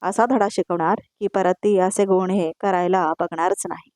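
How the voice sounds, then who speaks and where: A woman voicing a stern, vengeful young wife who speaks coldly and deliberately, in a voice-over retelling. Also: lowish voice, fairly even intonation, darkish tone, dry recording, clean studio sound, lightly acted.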